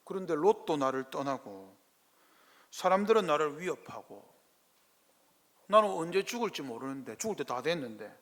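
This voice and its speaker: Abraham, a preacher voicing an aged pleading patriarch. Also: male voice, a little high, animated, moderate pace, pauses often, close to an everyday voice. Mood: complaining. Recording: echoey church hall.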